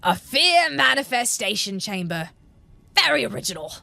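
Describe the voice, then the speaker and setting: A woman's voice: sits high, sing-song, slow, creaky, fairly bright tone, no room sound, voice pushed up, exaggerated voice. A woman voicing an embattled male alchemist in a storybook tale, talking through clenched teeth with a sardonic, defiant edge.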